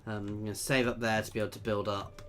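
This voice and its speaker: This gameplay creator talks fast in a lowish voice that barely moves in pitch. While he plays a strategy game he keeps up a chatty commentary, musing out loud and reading viewers' chat messages back to them.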